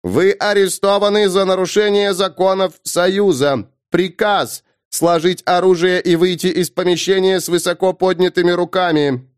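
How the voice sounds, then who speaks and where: A man voicing a huge police robot with a loud, metallic voice, giving slow, clipped commands. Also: high voice, fairly even intonation, smooth, dry recording, studio quality, pitched above the performer's own voice, lightly acted. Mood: commanding. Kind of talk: audiobook narration.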